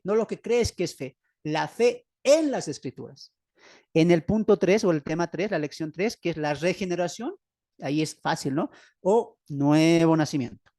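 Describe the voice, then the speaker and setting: Speaking with a Bolivian Spanish accent, a man teaches an online Bible study lesson over a video call, posing questions to his listeners, answering them himself and repeating key phrases for emphasis. His voice is slightly high and somewhat mellow, captured dry at studio quality.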